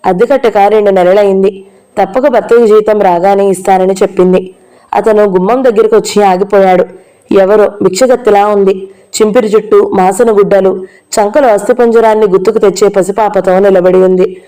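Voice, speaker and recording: A woman's voice: mid-range voice, fairly even intonation, normal speed, warm tone, poor audio. A woman narrating a novel as an audiobook, reading all the dialogue in her own voice. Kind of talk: reading a novel aloud, voicing all characters.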